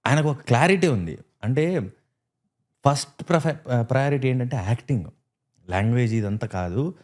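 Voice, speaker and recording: A man guest on a casual podcast chat, telling lively stories and acting out the lines he quotes. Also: medium pitch, moderate pace. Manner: animated storyteller who acts out quoted lines. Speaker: guest actor.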